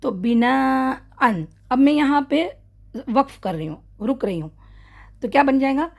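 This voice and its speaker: A woman teaching Quran recitation rules in a casual online lesson, explaining step by step, often checking in with her students, correcting her own slips and slowly modelling drawn-out example words. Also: sits high, big pitch swings, gravelly, a little mellow.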